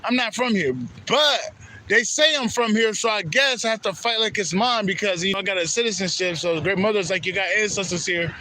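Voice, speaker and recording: A man's voice: sits high, fairly quick, bright, forceful tone, slight background noise. A man from Haiti giving a rambling, profane spiritual monologue that repeats itself. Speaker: spiritual vlogger.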